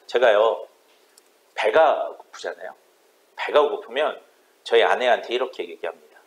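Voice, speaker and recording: Impassioned pastor with a high, lively voice. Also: male voice, low-quality recording. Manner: impassioned, rising to fervent pleading. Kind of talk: sermon.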